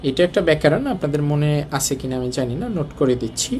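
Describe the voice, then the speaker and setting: A man's voice: on the high side, fast, darkish tone, slight background noise. A man with a colloquial Dhaka Bengali accent teaching a Korean lesson, explaining step by step and asking the class rhetorical questions. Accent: Bangladeshi Bengali, colloquial Dhaka speech.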